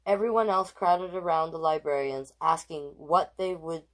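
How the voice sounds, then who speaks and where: A low-pitched woman reads at a moderate pace. She's a storytime host and drag king who performs a children's picture book expressively, turning to her live viewers for chatty remarks between sections.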